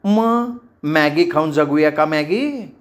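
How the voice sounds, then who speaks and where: Man putting on a young woman student, excitable, loud, raised pitch, storybook telling. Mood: shouting, exasperated. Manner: loud, quick, exasperated.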